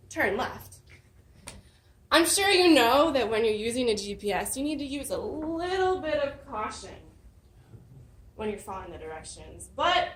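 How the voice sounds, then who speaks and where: Woman, higher voice, story speech, roomy hall, distant mic. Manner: lively storytelling with dramatic emphasis. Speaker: club speaker. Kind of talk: prepared personal story speech. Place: meeting room.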